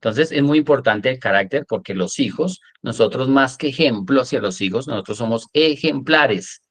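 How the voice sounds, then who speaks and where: A man lecturing a workshop class, animated, often checking in with "¿sí?" and acting out examples. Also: medium pitch, moderate pace. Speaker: coach teaching a workshop.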